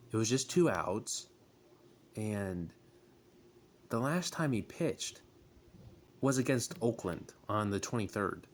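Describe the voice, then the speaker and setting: A man's voice: fairly low pitch, slight background noise. A man on a casual sports rant as a fan, exasperated, with groans and emphatic bursts.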